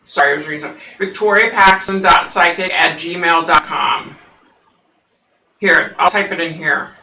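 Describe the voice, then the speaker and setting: Her voice sits on the low side and moves at normal speed, sounding pushed and bright despite its scratchy, husky texture. She's a psychic host rambling through casual chat with viewers on a home livestream, full of fillers. The audio is roomy and far from the mic.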